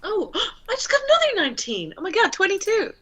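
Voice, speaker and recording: An excitable woman talking casually and improvising as a player in a tabletop game. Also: very high voice, fairly quick.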